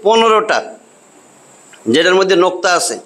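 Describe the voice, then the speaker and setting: A man's voice: sits high, animated, normal speed, fairly bright tone, a little hiss or hum. A man teaching a class how to read and pronounce letters, repeating each sound patiently. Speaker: Quran reading teacher. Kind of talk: classroom lesson.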